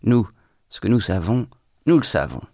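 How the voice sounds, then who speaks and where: A man's voice: lowish voice, sing-song, normal speed, warm tone, no echo, studio quality. A man reading aloud, voicing a bitter young intellectual who talks in a feverish, exalted monologue.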